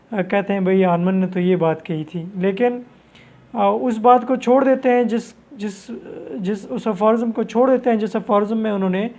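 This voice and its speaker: A man teaching homeopathy, explaining at length with restarts and slowing down to read passages aloud. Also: sits high, a little mellow, lo-fi sound. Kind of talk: lecture.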